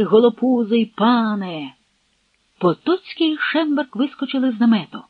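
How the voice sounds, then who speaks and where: A man reading a historical novel aloud in a dramatic, expressive way. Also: very high-pitched, husky, no room sound. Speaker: audiobook narrator. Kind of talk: scripted narration. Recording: dull dry home audiobook recording.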